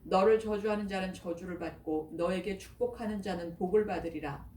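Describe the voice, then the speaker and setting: A woman voicing an old father who speaks slowly and solemnly, in a scripture reading. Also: lowish voice, dark tone, natural voice. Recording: echoey, distant, faint noise.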